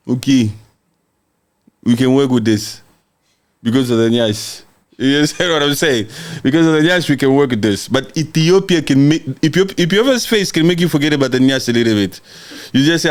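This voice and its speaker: On a casual livestream, a medium-pitched man reads out comments from viewers and fires back brash, mocking jokes, frequently cracking up laughing.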